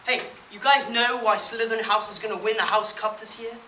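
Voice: medium pitch, fairly even intonation, brisk, pushed and bright, distant mic, slight background noise, lightly acted. A performer voicing a sneering, mocking schoolboy bully at a wizard school, heard with a roomy echo from off the mic. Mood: sly. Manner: mocking, taunting.

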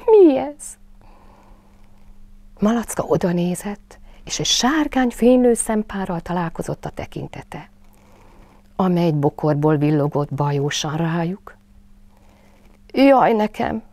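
Warm, hushed woman reading a bedtime story. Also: on the low side, dry recording. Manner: slow, hushed, soothing narration.

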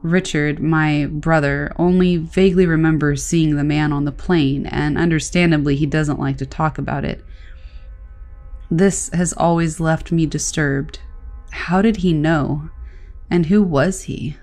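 A woman reads stories aloud in a calm, even manner. Her voice sits quite low for a woman. Soft music plays faintly underneath. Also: a little slow. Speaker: narrator.

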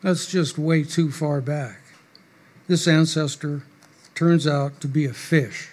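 With a high, steady, slightly mellow voice, an older man delivers prepared remarks as a guest speaker. He reads them from paper in a measured, dryly wry manner at a podium stand mic on a small club stage.

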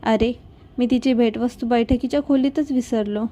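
A woman's voice: a little high, fairly even intonation, moderate pace, natural voice. A woman reading as a tender young husband. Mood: gentle. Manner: soft, gentle, coaxing. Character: tender young man comforting his wife. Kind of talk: storybook reading.

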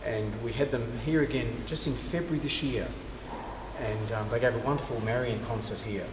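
A man, a cathedral's director of music, answering interview questions thoughtfully with many pauses and restarts. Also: mid-range voice, steady tone. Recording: echoey cathedral with long reverb and clear background noise.

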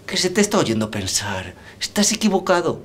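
A man in his thirties co-hosting in a brisk, teasing way, reading questions at a restaurant table. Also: on the high side, sing-song, fairly bright tone, slight background noise. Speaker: co-host. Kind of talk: lively quiz-style hosting. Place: restaurant dining room.

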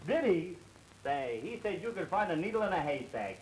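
An actor playing an eager young male reporter in an early sound film, fast and effusive, laughing between his lines. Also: sits high, big pitch swings. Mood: flattering. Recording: echoey early-1930s film soundtrack with hiss.

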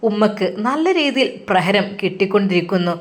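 A woman storyteller narrates a tense drama. Her delivery is vivid and emotive, at an ordinary mid pitch. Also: expressive, brisk.

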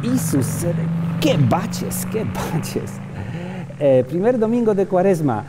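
A man's voice: high-pitched, big pitch swings, slow. A middle-aged man, a friar, giving a chatty, plain-spoken sermon outdoors while riding a motorbike on a city street. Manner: chatty, plain-spoken, with homely everyday examples. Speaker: friar preacher. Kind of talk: informal sermon on the road. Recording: open-air street with traffic noise. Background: passing cars and street traffic.

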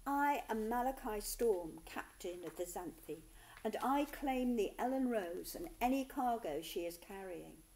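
A woman's voice: mid-range voice, lively intonation, unhurried, a little mellow, voice pushed up, rough recording. A woman voicing a male pirate captain who makes a proud, ringing proclamation.

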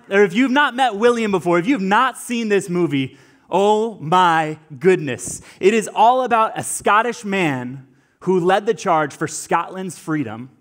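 A young man preaching a sermon to teenagers as a youth pastor, energetic and cracking jokes. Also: high voice. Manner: energetic and joking. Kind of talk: sermon to teens.

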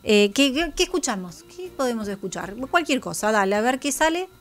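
Higher-voiced Argentine woman hosting radio. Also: very animated, brisk, soft background music. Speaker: radio host.

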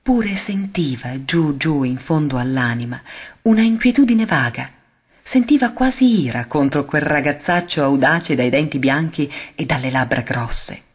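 Male narrator for a classic story reading: husky, mid-pitched, measured, dull lo-fi sound. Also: expressive. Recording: dull lo-fi recording.

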